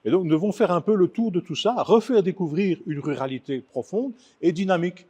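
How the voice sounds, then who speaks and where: A man's voice: high-pitched, a little fast, dark tone, slightly rough. A man, an author and film producer, speaking earnestly in a studio interview and building up emphasis as he explains his plans.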